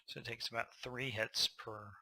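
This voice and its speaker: Bright-voiced tired man narrating gameplay. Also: mid-range voice, moderate pace, dry recording. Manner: relaxed, thinking aloud with fillers. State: a little tired. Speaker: gameplay commentator.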